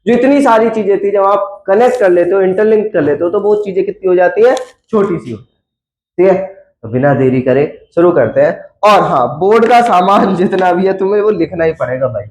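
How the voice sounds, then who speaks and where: A man's voice: high voice, expressive, normal speed, darkish tone. A man teaching a science class in a chatty, coaxing lecture style, quizzing his students as he goes. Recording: echoey classroom.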